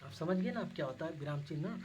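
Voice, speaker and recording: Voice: mid-range voice, lively intonation, quick pace, mellow, low-quality recording. Teacher, exam-prep lesson, asks and answers own questions, repeats key terms, faint background hiss. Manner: addresses the listeners as guys; repeats the same point several times.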